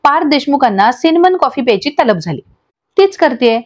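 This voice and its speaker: A woman's voice: high voice, very animated, fairly quick. A woman voicing a cheerful young bride who speaks sweetly and drawls some words in a storybook recap.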